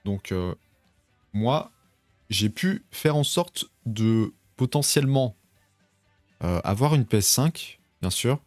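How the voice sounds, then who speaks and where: A man's voice: medium pitch, animated, slow pace, pauses often, darkish tone, dry recording, soft background music. A young man casually chatting with his viewers during a home live stream, rambling and reading out chat messages. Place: home bedroom.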